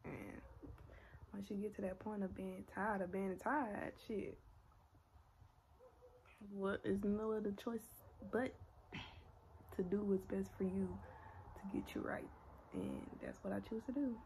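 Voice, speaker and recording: A young woman vlogger, talking casually and emotionally into a phone camera, soft and reflective, close to tears, sometimes nearly whispering. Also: mid-range voice, lively intonation, slow pace, long pauses, slight background noise, poor audio. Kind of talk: casual, emotional vlog talk.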